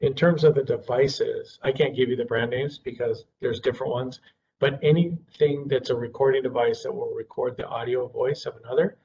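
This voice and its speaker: A man's voice: mid-range voice, fairly even intonation, normal speed, vocal fry, warm tone. A man answering questions for a city department in a hesitant, apologetic way. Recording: dull audio, slightly distant mic, faint background hum.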